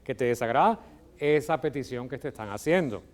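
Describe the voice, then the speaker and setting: A man's voice: mid-range voice, expressive, brisk. Venezuelan man teaching a televised lesson. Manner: explanatory, checks in with frequent "ok?". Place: studio with electronic whiteboard.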